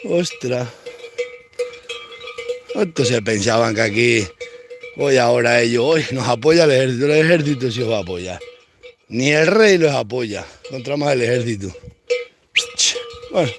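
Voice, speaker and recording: A man's voice: medium pitch, lively intonation, a little slow, pauses often, music in the background. A man, a cattle farmer, rambling to himself and calling out to his cows as he works outdoors. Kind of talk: casual monologue while working.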